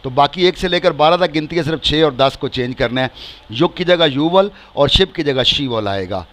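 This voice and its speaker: A man with a Pakistani accent teaches a beginner language class in a slightly high voice. He talks slowly and patiently, drawing out each word and repeating phrases with their translations. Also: lively intonation, fairly bright tone. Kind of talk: spoken language lesson.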